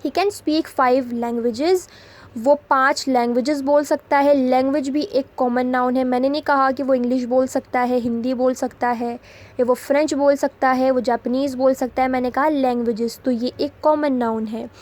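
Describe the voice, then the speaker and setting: A woman teaching English grammar in a Hindi lesson, explaining patiently and reading example sentences slowly. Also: high-pitched, flat delivery, darkish tone. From India.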